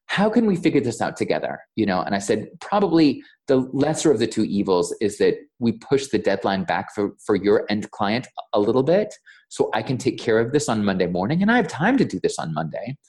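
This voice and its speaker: A man's voice: fairly low pitch, big pitch swings, a little fast, darkish tone. A man, a voiceover coach, chatting as a podcast guest and retelling a mishap with lots of stammers and quoted dialogue. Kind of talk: casual interview storytelling.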